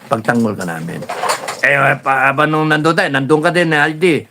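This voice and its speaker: A man hosting a casual live stream, reading viewer comments and telling stories in a rambling, animated way with many fillers. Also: medium pitch, normal speed, noisy background. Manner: rambling, animated storytelling with laughs and repeated fillers.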